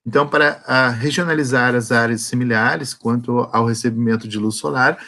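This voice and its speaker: A man's voice: mid-range voice, fairly even intonation, moderate pace, sharp tone. Man teaching geography. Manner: explanatory, frequent "tá?" and "né?" check-ins. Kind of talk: online geography lesson.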